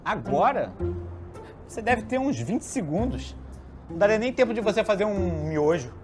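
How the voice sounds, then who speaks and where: A man's voice: sits high, normal speed, music in the background. Man acting a flippant spirit friend, swooping intonation. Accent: Brazilian. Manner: breezy, deadpan, slangy. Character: blunt, flippant spirit friend, casually tactless. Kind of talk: comedic spiritual sketch acting.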